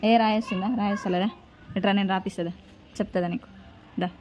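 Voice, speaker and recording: A woman's voice: mid-range voice, level tone, fast, a little mellow. A woman, vlogging casually at home and bossing her children through homework. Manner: scolding, bossy with children. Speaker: vlogger and mother. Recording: noisy home recording.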